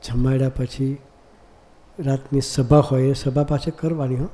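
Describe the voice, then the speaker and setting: Monk preaching to a crowd, very mellow dark voice, keeps tossing questions at them. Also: male voice, medium pitch, steady tone, a little slow. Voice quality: keeps asking the audience rhetorical questions. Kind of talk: devotional discourse.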